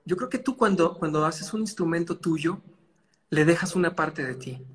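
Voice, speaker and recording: A man's voice: on the high side, moderate pace, fairly bright tone. A man in a casual interview, speaking thoughtfully and hesitantly, with restarts, in a recording with long reverb.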